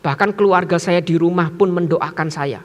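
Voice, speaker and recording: Animated high-voiced male preacher. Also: normal speed, big-room sound. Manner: animated, shouts for emphasis, acts out dialogue. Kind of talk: sermon with storytelling. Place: church sanctuary.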